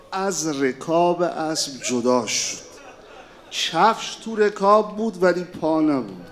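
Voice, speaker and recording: A man telling a mourning story as a sermon, impassioned and lamenting throughout. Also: mid-range voice. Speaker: mourning preacher.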